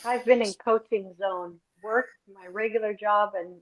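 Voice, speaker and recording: A woman's voice: medium pitch, fairly even intonation, unhurried, no room sound. A woman speaking as a life and health coach over a remote link whose audio cuts in and out, chatting easily and often trailing off. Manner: easygoing, trails off and repeats herself. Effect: remote audio cutting in and out. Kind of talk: casual livestream chat as a guest. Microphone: remote call. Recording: dull lo-fi remote call audio.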